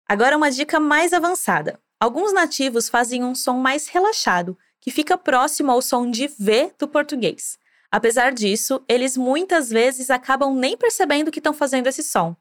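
A woman hosting a scripted language lesson, explaining clearly and encouraging the listener to repeat after her. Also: high voice, animated, normal speed. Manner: clear, encouraging, drilling repetition. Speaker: language teacher host.

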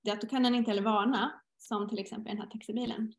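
Middle-aged woman chatting on a podcast, kinda high voice, roomy echo, acts out her own inner voices. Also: steady tone. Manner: storytelling, acts out inner dialogue. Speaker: guest teacher. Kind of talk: casual podcast conversation.

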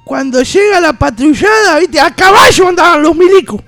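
A man playing a rambling rustic countryman, telling a story loudly on radio. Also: very high-pitched, animated, normal speed, no room sound, soft background music, exaggerated voice. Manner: shouting, rambling, constant "¿viste?". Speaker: comedy guest. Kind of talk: comic storytelling in character on radio. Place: radio studio.

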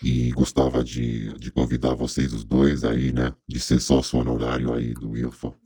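A man's voice: little pitch movement, normal speed, dark tone, no echo, studio quality. A man speaking through a voice changer, a joking, laid-back podcast guest chatting casually. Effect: voice changer, distorted very deep and gravelly. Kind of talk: casual chat.

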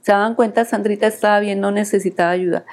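A woman's voice: mid-range voice, steady tone, quick pace, darkish tone. An older woman giving an earnest, emotional testimony of faith in an interview.

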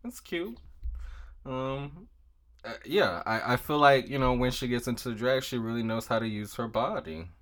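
A man's voice: medium pitch, fairly quick, hardly any pauses, a bit bright. A man co-hosting a casual chat, playful and teasing, often laughing. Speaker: co-host reviewing runway looks.

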